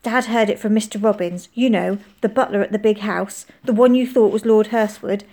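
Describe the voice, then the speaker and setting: A woman voicing an anxious young girl who is impatient at first and easily upset, speaking in a high, urgent way. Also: fairly even intonation, normal speed, dark tone, natural voice. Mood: tearful.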